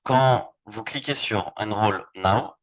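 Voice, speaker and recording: A man's voice: on the low side, slow. A man from France presenting a live webinar, walking through a website casually and repeating words as he clicks through screens. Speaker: online presenter. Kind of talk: live webinar product demo.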